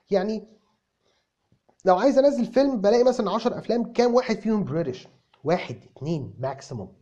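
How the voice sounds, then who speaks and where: A man with a warm, high-sitting voice and an Egyptian Arabic accent plays a self-assured young English tutor in a comic video lesson, answering viewer comments. He stammers through restarts and explains with repeated examples. The recording is dull lo-fi.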